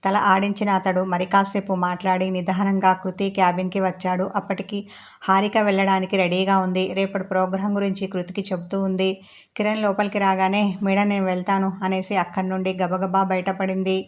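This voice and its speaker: A woman narrating a romantic audiobook story in an even, steady reading voice. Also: medium pitch, brisk.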